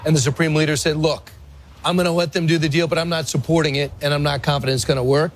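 A man's voice: fairly high pitch, steady tone, slight background noise. Talk radio host in his fifties. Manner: conversational, quick questions with restarts. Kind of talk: radio interview.

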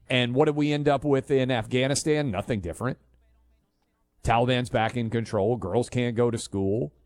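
A man hosts a talk radio show from a radio studio, speaking into a studio mic in a conversational, opinionated style with fillers and restarts. His mid-range voice has a darkish tone, and the sound is clean, without echo.

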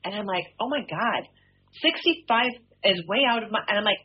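A woman's voice: medium pitch, animated, brisk, slight background noise. A woman about sixty, a regular radio guest telling rambling stories in casual chat. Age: 60s. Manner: rambling storytelling with restarts and acted-out quotes. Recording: slightly dull radio sound.

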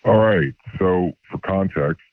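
A man in his forties calling in to a radio show, his voice disguised by a morphing voice changer, talking in a relaxed, easygoing way. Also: a little slow, dry recording. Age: 40s. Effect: deep morphing voice changer. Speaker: radio call-in caller. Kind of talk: casual call-in chat. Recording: dry, tinny phone line.

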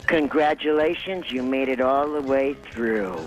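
A man chats briefly and casually as a caller to a radio show. His voice is mid-pitched, with music clearly playing behind it. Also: unhurried, lo-fi sound.

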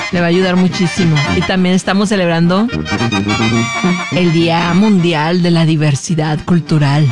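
A woman hosting a radio show, chatting playfully and teasing callers. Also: lowish voice. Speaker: radio host. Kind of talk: lively radio show chat.

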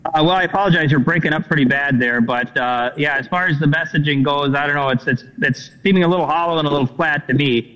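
A man's voice: a little high, fast talker, a bit bright. A dairy farmer from Wisconsin, a man, talking folksy and plain in a remote news interview over a poor rural internet connection. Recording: dull lo-fi remote call audio.

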